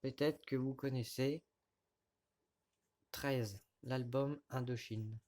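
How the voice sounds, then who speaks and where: A man casually showing vinyl records to his camera, talking in a halting way with many fillers and restarts, recorded indoors at home. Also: medium pitch, steady tone, dark tone. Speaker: record collector vlogger. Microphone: camera mic at close range.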